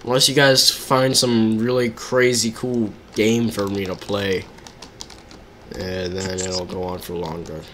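A man's voice: fairly low pitch, level tone, unhurried, a bit bright, a little hiss or hum. A man casually chatting to his viewers while live-streaming a video game, reacting to the action as he plays.

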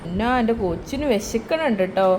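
A woman vlogging casually about her day at home, talking to the camera and cooing at her pets in high baby talk. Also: lively intonation, quick pace, noisy background. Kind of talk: casual vlog narration.

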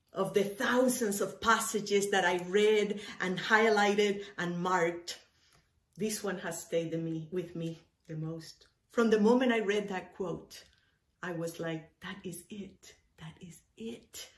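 A Cuban-born woman minister delivers a sermon to camera from an indoor room lined with bookshelves. Her voice sits fairly low with a steady tone, and she speaks emphatically, phrasing deliberately and repeating words for weight. The recording is roomy and echoey.

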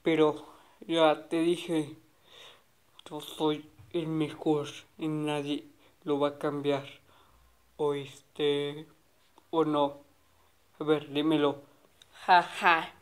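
A woman voicing a boastful bully kid in a homemade cartoon, taunting in a low mutter.

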